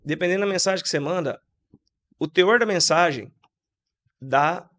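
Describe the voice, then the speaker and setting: A man on a podcast with a fairly high voice, making his points emphatically in casual chat. He is opinionated and keeps slipping into little acted-out bits of dialogue to show what he means. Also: moderate pace, a bit bright. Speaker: podcast co-host.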